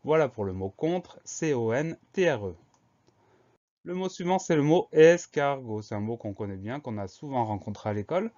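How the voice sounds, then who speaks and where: A man's voice: mid-range voice, expressive, moderate pace, dark tone. A man teaching a spelling lesson for schoolchildren, patiently spelling each word out letter by letter and repeating it. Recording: dull lo-fi recording.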